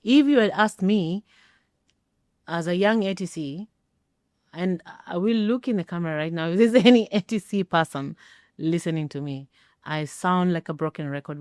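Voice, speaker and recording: Sitting for an interview, a former air traffic controller from Kenya recounts her own story. This middle-aged woman has a low, mellow voice, stresses her words firmly and pauses for effect, all captured close and dry with no room sound.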